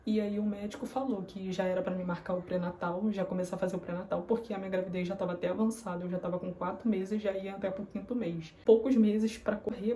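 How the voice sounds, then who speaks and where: Young woman vlogger, soft dark tone, earnest confiding storyteller. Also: medium pitch, slight background noise. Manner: earnest, confiding, acts out remembered dialogue. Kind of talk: personal storytelling to camera.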